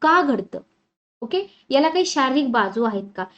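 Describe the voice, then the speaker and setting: Lady teacher, high voice, chatty exam coaching, asks the class stuff a lot, kinda dull lo-fi sound. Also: very animated, normal speed. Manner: conversational, keeps asking questions of the class. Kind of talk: exam-prep lecture.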